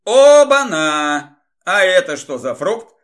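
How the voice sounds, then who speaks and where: Man reading gruff soldier leader, audiobook, dry humor, bright tone. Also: sits high, sing-song, measured pace, heavily acted. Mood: wry. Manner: dry, teasing. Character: wry, brusque male soldier leader.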